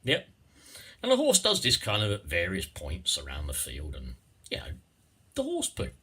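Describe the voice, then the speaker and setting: A man's voice: low voice, huge pitch swings, moderate pace, bright, forceful tone, husky. A man giving a rambling, satirical monologue in a theatrical, digressive way, repeating phrases and tagging on questions.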